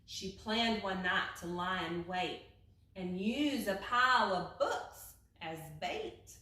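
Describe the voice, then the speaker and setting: A woman reading a children's picture book aloud like a teacher at storytime, with dramatic hushed and raised phrases. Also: mid-range voice, takes it slowly. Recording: echoey room, distant from the mic.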